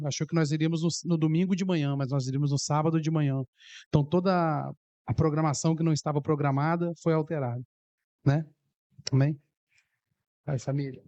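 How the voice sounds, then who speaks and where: A man's voice: fairly high pitch, darkish tone, no room sound. A man with a Brazilian Portuguese accent, explaining a schedule change to a church gathering. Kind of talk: church announcement.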